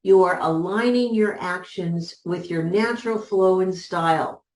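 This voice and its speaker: A woman coaches business owners in an unhurried, measured way, repeating key words to drive them home. Her voice sits on the lower side, and the recording has a noticeable room echo. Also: a little mellow, slight background noise. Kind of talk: motivational teaching talk.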